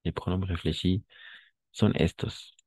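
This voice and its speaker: A man teaching a live online class, repeating phrases slowly to drill pronunciation and often checking that his students follow. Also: sits low, steady tone, mellow, no echo, clean studio sound. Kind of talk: online language lesson.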